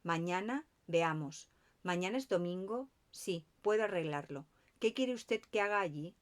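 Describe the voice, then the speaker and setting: A reserved male country doctor who answers with some reluctance, read by a woman in an audiobook. The voice stays slightly low and even. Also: a little slow. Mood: reluctant.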